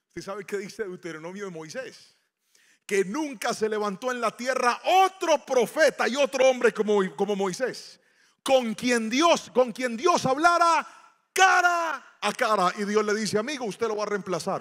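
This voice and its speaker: A Colombian pastor preaching to his congregation, with loud swells and sudden quiet asides. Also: high voice. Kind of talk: sermon. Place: church hall before a congregation.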